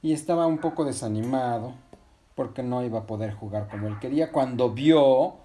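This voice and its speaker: A woman telling a children's story in an animated way, switching into voices for the characters. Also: rumbling low, fairly quick, soft background music.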